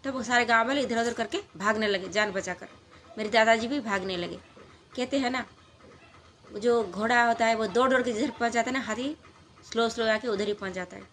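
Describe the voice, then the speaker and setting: A woman's voice: a little high, a bit bright, a little hiss or hum. Woman telling a family story casually. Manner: rambling, many fillers and restarts.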